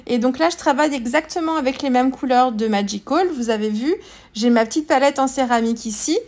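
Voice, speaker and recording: A woman's voice: high voice, a little fast, darkish tone. A woman hosting a scrapbooking tutorial, talking casually with many fillers and restarts as she explains her steps. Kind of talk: casual craft tutorial voice-over.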